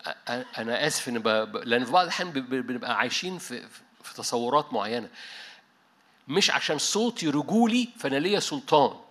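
Bright-voiced Egyptian preacher. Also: male voice, mid-range voice, fast talker. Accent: Egyptian Arabic. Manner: animated preaching with English asides and frequent restarts. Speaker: pastor. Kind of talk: sermon. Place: church meeting hall.

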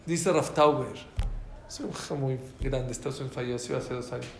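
A man giving an informal, joking talk to a live audience, repeating his key phrases in an animated way. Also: medium pitch, a little fast, vocal fry, echoey room, a little hiss or hum.

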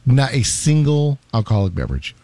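A man's voice: mid-range voice, brisk, no room sound. A man co-hosting a sports radio show, chatting casually and telling joking stories into a studio microphone. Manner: animated, joking storyteller.

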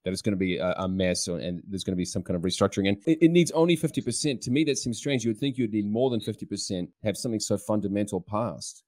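A male podcast host with a lowish voice, relaxed and conversational, asks his guest probing questions. The sound is dry and close, with no room echo. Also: fast, hardly any pauses. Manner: conversational, inquisitive. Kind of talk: interview.

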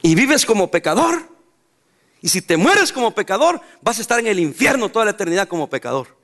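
Salvadoran pastor, man, very high voice, emphatic church sermon with bursts of laughter. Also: very animated, a little fast. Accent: Salvadoran Spanish. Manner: emphatic preaching, mixes laughter and sudden loud outbursts.

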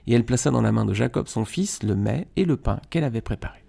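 A man reading a Bible chapter aloud in a steady, measured way. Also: medium pitch, vocal fry, slightly rough. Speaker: Bible reader.

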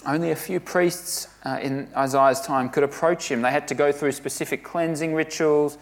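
A man preaching a sermon, earnest and emphatic, often dropping to a hush for weight. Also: on the high side, fairly even intonation, moderate pace.

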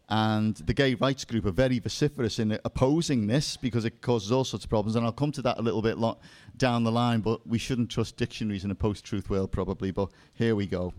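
With a voice on the low side and a touch of mellowness, an Englishman from Liverpool presents a seminar on faith before a live crowd, peppering it with self-deprecating humour and side remarks.

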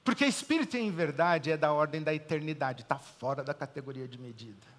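Emphatic Brazilian pastor in an echoing hall. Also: male voice, on the high side. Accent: Brazilian Portuguese. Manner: emphatic, swinging between loud declarations and quiet pauses. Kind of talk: sermon.

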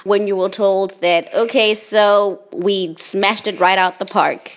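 A woman's voice: medium pitch, fairly even intonation, slow pace. A woman hosting an interview show, introducing her guest and asking questions in an upbeat way. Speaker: podcast host.

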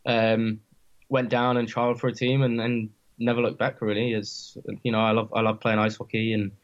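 A man with a Home Counties English accent gives a casual interview in an even, restrained voice. He sounds modest and slightly hesitant. The recording is somewhat dull and band-limited. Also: on the low side, normal speed. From Surrey, England. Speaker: interview guest, professional ice hockey player.

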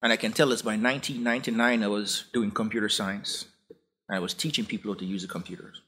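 A man in his forties with a Jamaican accent, a professor guest recounting his path in a relaxed, anecdotal way with frequent restarts. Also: on the low side, fast talker, slightly rough. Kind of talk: conversational interview storytelling.

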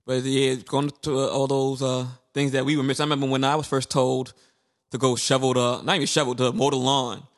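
A young man chatting casually, telling stories with lively acted-out reactions. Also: medium pitch, fairly quick. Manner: animated storyteller who acts out his own past reactions. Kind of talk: casual chat.

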